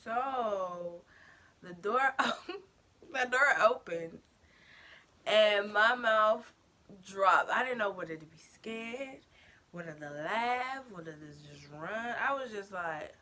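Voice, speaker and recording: A young woman telling a storytime vlog story in an animated, slangy way, talking straight to her viewers. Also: medium pitch, takes it slowly. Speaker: vlogger.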